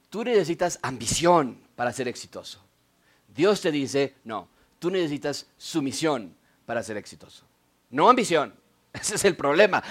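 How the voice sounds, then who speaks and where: Emphatic pastor, a man preaching. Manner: emphatic, swings between loud declarations and low asides. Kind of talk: sermon. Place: church.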